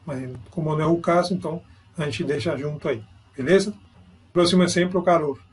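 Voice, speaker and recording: Husky-voiced man teaching grammar. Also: a little high, a little fast. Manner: explains step by step, checks in with "certo?" and "ok?". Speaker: Spanish teacher. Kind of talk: online grammar lesson.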